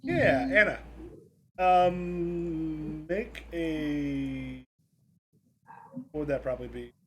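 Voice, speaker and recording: Guy game master narrating off the cuff, kinda high voice, halting, bit of noise. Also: sing-song, sharp tone. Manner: halting, informal. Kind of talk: improvised tabletop game narration. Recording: noisy room recording.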